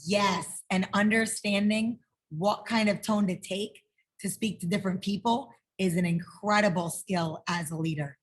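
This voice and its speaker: A woman's voice: mid-range voice, steady tone, measured pace. Woman, martial arts instructor, kids' workshop, upbeat, encouraging, video call. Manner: upbeat, encouraging, asks the class questions. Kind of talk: teaching a kids' life-skills workshop.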